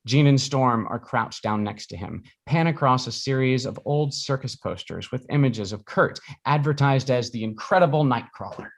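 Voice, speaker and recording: A man narrates a screenplay at a live reading. He delivers scene headings and action lines in a middle-pitched voice. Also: moderate pace, vocal fry, few pauses. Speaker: narrator reading stage directions.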